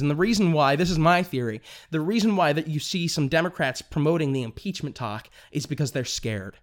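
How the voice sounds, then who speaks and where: A young man hosting a political commentary podcast, talking fast and excitably, tripping over his words and restarting sentences. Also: on the high side. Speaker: podcast host.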